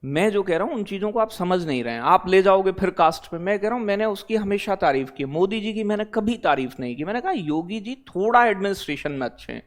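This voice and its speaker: Male exam-prep teacher with a slightly high voice, casual and blunt, keeps asking the class if they follow. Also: expressive, fast talker, few pauses. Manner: addresses students as beta and bhai, repeats "theek hai bhai?"; digresses into blunt talk, then back to teaching. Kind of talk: live online class, chatty lecture.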